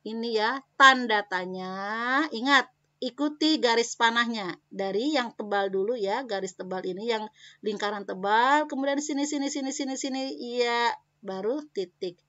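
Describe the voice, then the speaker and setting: A woman's voice: fairly high pitch, normal speed, bright, forceful tone, dry recording. A woman teacher, coaxing young children through a lesson with a sing-song questioning manner. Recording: dull lo-fi dry recording.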